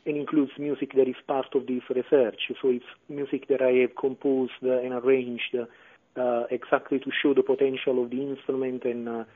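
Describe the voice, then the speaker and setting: A man's voice: mid-range voice, little pitch movement, normal speed. A man, a clarinetist and composer, answering radio interview questions with many fillers and restarts. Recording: phone-line radio audio.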